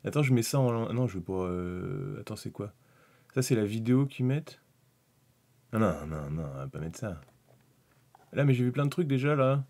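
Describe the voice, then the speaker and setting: A man's voice: on the low side, animated, moderate pace, long pauses, warm tone. A man chatting casually through a live stream about hobby miniatures, thinking aloud, rambling, with many fillers and restarts. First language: French.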